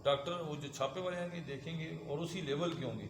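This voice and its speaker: A man teaching a religion class as a lively lecture, asking his students questions and having them repeat after him. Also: a little high. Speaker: Islamic teacher. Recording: echoey hall with background noise.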